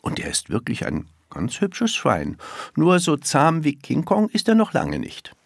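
A narrator reading a children's story aloud in a calm, expressive way. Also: mid-range voice, unhurried, gravelly, no echo, clean studio sound.

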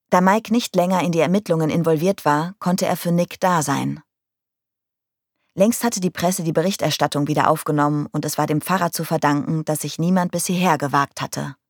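Female audiobook narrator, low voice, dry close sound, calm and measured. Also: no echo. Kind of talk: audiobook reading of a crime novel.

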